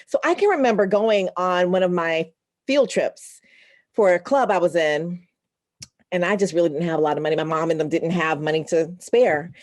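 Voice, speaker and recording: A woman's voice: fairly low pitch, dry recording. Dry-sounding woman broadcaster, earnest. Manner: earnest, animated, quick to laugh. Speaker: radio broadcaster and guest. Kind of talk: heartfelt conversational storytelling.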